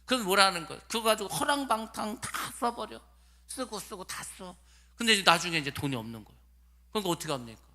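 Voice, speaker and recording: A man preaching a sermon, swinging between loud cries and hushed asides as he acts out the people he quotes. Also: high-pitched, animated, fast. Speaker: pastor. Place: church sanctuary.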